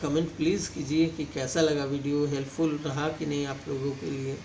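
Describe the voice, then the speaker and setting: A man's voice: on the high side, level tone, normal speed, a little mellow. A man teaching shorthand vowels in a casual lesson, repeating each sound several times and addressing viewers as friends. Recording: echoey room with faint ambient noise.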